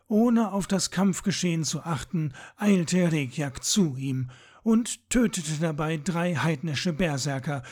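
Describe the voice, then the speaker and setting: A man reading a fantasy audiobook in a measured, dramatic storytelling manner. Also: a little high, darkish tone. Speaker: audiobook narrator. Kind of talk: scripted fantasy narration.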